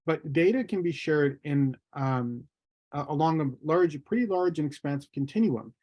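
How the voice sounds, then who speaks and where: A man's voice: fairly high pitch, lively intonation, normal speed, darkish tone. Thoughtful man from Somalia on a call. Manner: thoughtful, repeats words when starting a point. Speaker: panelist. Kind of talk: online panel discussion. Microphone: video call.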